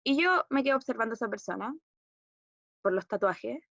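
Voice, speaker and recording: A woman's voice: on the high side, expressive, a little fast, creaky, a bit bright, no room sound. A young woman with a Chilean Spanish accent tells a personal story as a class monologue, hesitant and rambling with fillers and restarts. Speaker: acting student. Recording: dull, dry recording.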